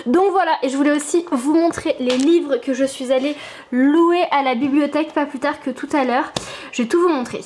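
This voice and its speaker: A woman's voice: high-pitched, normal speed, a little mellow, slight background noise. A young woman from France vlogging casually from her apartment, chatty and enthusiastic, with frequent fillers.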